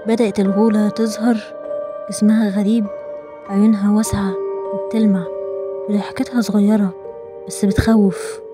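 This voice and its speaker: A woman with an Egyptian Arabic accent narrating a scripted horror story in a brisk, dramatic way. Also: mid-range voice, level tone. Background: background music.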